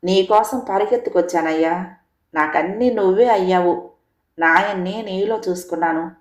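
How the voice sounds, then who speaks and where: A gentle, grieving old village mother, as a woman storyteller voices her, speaking low and consoling in an audio storybook. Her voice sits a little deep. A roomy echo hangs around it. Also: normal speed, close to an everyday voice. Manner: gentle, consoling rural speech. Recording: echoey room.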